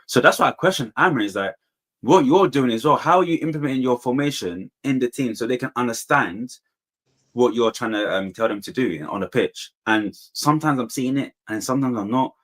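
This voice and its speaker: Guy, slangy football fan, mid pitch, casual debate, repeats himself. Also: expressive, brisk, fairly bright tone.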